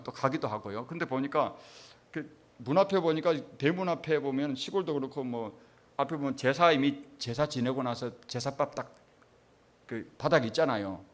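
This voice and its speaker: A middle-aged man, a pastor preaching a sermon with emphatic rhetorical questions to his congregation. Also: mid-range voice.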